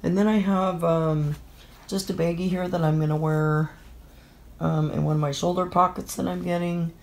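A woman's voice: on the low side, level tone, normal speed, creaky, darkish tone. A middle-aged woman with a stuffy, nasal voice, sniffling with a bad cold as she talks casually through a gear vlog. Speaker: vlogger. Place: indoors in a room at home.

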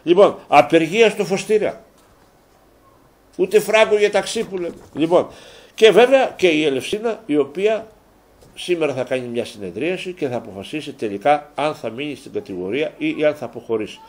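A man with a slightly high voice hosts a local TV sports show from a studio. He chats to his viewers in a rambling way, repeating his phrases. When a grievance grabs him he rises in pitch and volume. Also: animated. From Greece. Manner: rambling, repeats phrases, gets worked up and loud when ranting. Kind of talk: casual sports talk to viewers.

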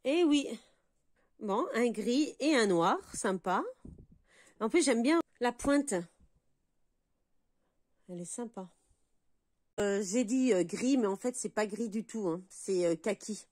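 Chatty middle-aged french woman unboxing beauty stuff, kinda high voice, lots of excited oohs. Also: slow pace, long pauses. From France. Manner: chatty, enthusiastic exclamations. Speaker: beauty vlogger. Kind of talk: casual unboxing chat.

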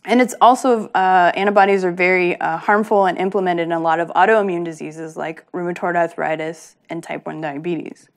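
A woman's voice: lowish voice, fairly even intonation, normal speed, few pauses. Woman explaining science to a lay audience. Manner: patient, plain explanations with frequent ums. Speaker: research scientist giving a talk. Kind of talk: explanatory public lecture.

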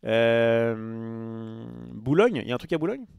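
A man's voice: mid-range voice, very animated, slow pace, vocal fry, smooth, dry recording, dull audio. A man chatting casually on a live stream, rambling with many fillers and restarts and answering his chat.

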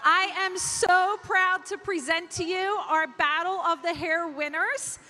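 High bright-voiced woman hosting. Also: fairly even intonation, unhurried, soft background music. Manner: upbeat, enthusiastic presenter. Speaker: event host. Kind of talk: announcing award winners.

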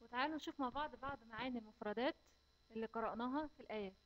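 A woman with an Egyptian accent teaching children Quran recitation, chanting verses slowly and then explaining them plainly. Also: a little high, dull audio. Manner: slow, drawn-out recitation alternating with clear explanation.

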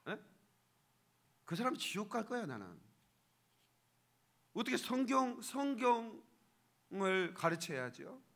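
Slow and sing-song, with long pauses, this pastor's voice is high-pitched and a bit bright. Preaching informally in the sanctuary, he keeps seeking the congregation's agreement and erupts in sudden bursts of emphasis.

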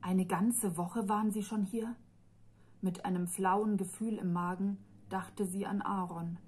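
Slow, breathy woman reading a novel. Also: medium pitch, fairly even intonation, a little mellow. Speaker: author reading her novel. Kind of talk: audiobook narration.

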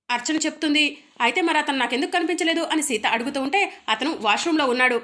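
A woman narrating a recap of a TV serial episode, telling it quickly and briefly voicing the characters' lines. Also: on the high side. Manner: quick, lively retelling that slips into the characters' lines. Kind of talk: storytelling recap with voiced dialogue.

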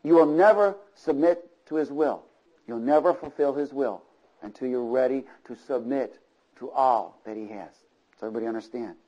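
Speaking at normal speed in a dark, mid-range voice, a man preaches before a church congregation, with high frequencies missing from the audio. He repeats phrases rhythmically and often seeks the crowd's call-and-response agreement.

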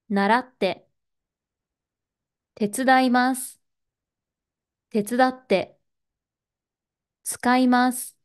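Slow, carefully enunciating Japanese teacher woman. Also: fairly high pitch, a little mellow. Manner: deliberate, carefully enunciated pronunciation. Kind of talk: slow, clear verb drill for learners.

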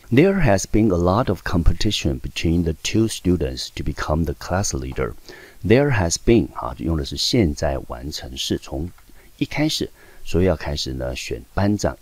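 A man's voice: extremely low pitch, husky, dry recording. A man teaching English in Taiwanese-accented Mandarin, explaining step by step and answering his own questions. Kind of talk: recorded classroom lesson. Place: high school teaching video.

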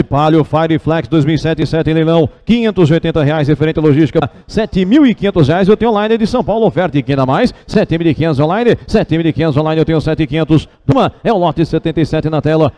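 A Brazilian man works as an auctioneer in a rhythmic auction chant. His voice sits a little high for a man and has a soft, mellow tone. He repeats figures in insistent, rolling runs as he calls for bids. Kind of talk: rapid, repetitive auction chant calling bids. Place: car auction with a live and online audience.

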